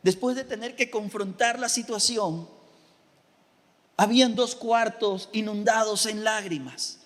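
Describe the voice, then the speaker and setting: A pastor preaching a lively sermon, repeating phrases for emphasis and asking the congregation questions. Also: male voice, sits high, a little slow, long reverb tail. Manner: animated preaching with repetitions and rhetorical questions.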